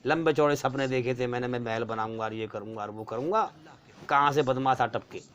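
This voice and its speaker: A male preacher voicing a poor, ragged man who pleads for his life, his voice climbing high when he begs. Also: fairly bright tone, dull audio, close to an everyday voice. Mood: bitter. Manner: begging, rising into a frightened plea.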